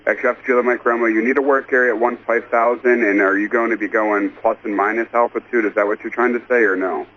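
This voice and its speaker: A male air traffic controller with a mid-range, steady voice speaks quickly over the radio, issuing procedural instructions and repeating callsigns. The transmission is muffled with a little noise.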